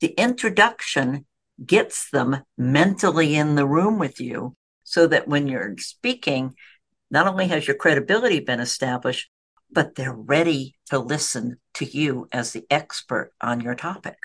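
Podcast guest, mid pitch, explains with examples in a conversational tone. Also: expressive, measured pace, fairly bright tone, slightly rough. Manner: explanatory, makes points with examples.

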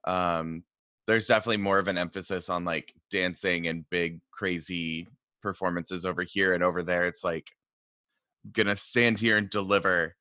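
A man's voice: low voice, level tone, moderate pace, sharp tone, no echo, clean studio sound. A man, chatting casually as he interviews a guest. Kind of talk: casual chat.

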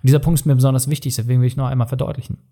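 A man's voice: medium pitch, little pitch movement, racing, mellow. A man who runs a company gives direct, emphatic speaking advice, talking to the listener informally like a coach. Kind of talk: motivational coaching talk.

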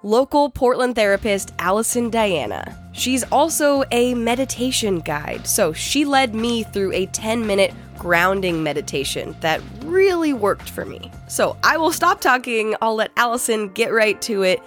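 A woman's voice: a little high, big pitch swings, measured pace, hardly any pauses. Woman hosting a podcast over music. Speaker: podcast host. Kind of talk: casual scripted podcast introduction.

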